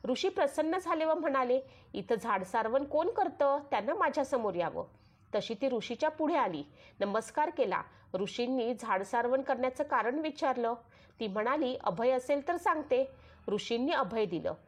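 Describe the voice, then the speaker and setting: A woman with a Marathi accent narrates a traditional devotional story. Her voice sits a little higher than most women's. She keeps a steady, sing-song storytelling rhythm and voices the quoted dialogue inside it. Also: moderate pace.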